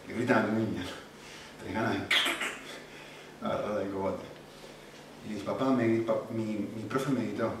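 Guy preaching, loud then hushed, sounds far off in a really echoey room with a little hiss. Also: medium pitch. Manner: animated, swings from loud emphasis to quiet storytelling. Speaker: pastor. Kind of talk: sermon.

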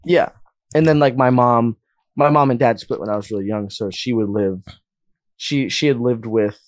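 A man's voice: mid-range voice, normal speed, dry recording. A young man from Las Vegas, telling stories as a guest musician in a casual interview, with a rambling, filler-heavy way of talking. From Las Vegas, USA. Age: young adult.

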